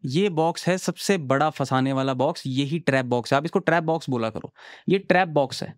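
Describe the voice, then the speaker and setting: A man's voice: a little high, dry recording, clean studio sound. A man teaching chart in a casual, chatty way, often checking that the viewer follows and telling them not to worry. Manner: chatty, reassuring, asks the viewer "samjhe?". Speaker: trading teacher. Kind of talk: casual screen-share chart tutorial.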